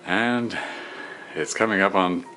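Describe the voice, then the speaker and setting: A man's voice: low voice, takes it slowly, pushed and bright, faint music behind, poor audio. A man chatting to himself in his home kitchen, rambling and absent-minded as he cooks and tidies up. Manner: absent-minded, talks to himself while working. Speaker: home cooking vlogger. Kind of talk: rambling casual cooking commentary.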